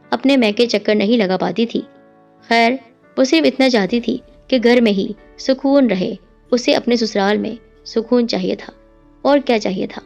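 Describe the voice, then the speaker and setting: A woman's voice: on the high side, gravelly, darkish tone, highs cut off. A woman narrating a dramatic family story in a scripted reading. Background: faint music.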